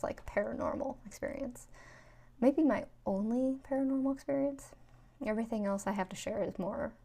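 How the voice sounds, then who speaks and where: A chatty woman with a gravelly, mellow voice. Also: mid-range voice. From New York, USA. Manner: chatty, rambling, with many 'like' and 'um' fillers. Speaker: spiritual vlogger. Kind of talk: casual storytelling.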